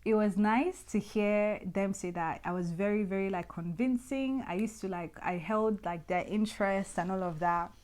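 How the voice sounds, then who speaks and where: A woman hosts a solo podcast, telling her own stories in an easy, mid-pitched voice. She talks in a lively, nostalgic way, often restarting her sentences as the memories come back. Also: normal speed, hardly any pauses. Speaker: podcast host. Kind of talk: personal storytelling monologue.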